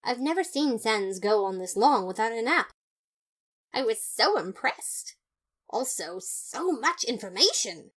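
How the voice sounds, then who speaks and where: A woman with a fairly high, somewhat bright voice and lively intonation speaks unhurriedly as a male skeleton detective in a fan audio drama. He narrates his case earnestly and boastfully, with dramatic, theatrical, self-satisfied emphasis.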